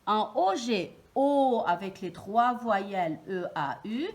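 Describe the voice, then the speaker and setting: Femme enseignante, très lente et articulée. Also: female voice, medium pitch, lively intonation. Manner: slow, clearly articulated, stressing each sound. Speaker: teacher. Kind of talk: early reading lesson for children.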